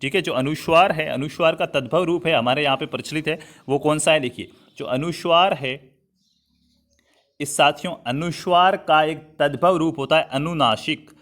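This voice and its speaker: Hindi teacher with a fairly high voice. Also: male voice, normal speed, fairly bright tone. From Rajasthan, India. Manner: repetitive, checks in with "thik hai" often; addresses students as "saathiyon" and "bhai". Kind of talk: online classroom lesson. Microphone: writing on a digital board while talking.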